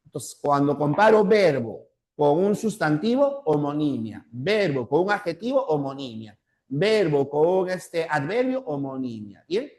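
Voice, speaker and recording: A man's voice: fairly high pitch, very animated, darkish tone. Peruvian male teacher, lecturing. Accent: Peruvian Spanish. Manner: repeats key terms, tags sentences with "¿ya?"; slows down to spell out examples. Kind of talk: classroom lecture.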